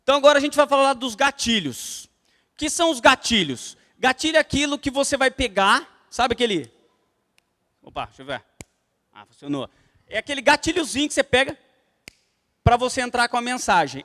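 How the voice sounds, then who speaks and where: Brief: Brazilian man leading a church class, strikingly high voice, lively storyteller, long church-hall reverb. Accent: Brazilian Portuguese. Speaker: church evangelism teacher.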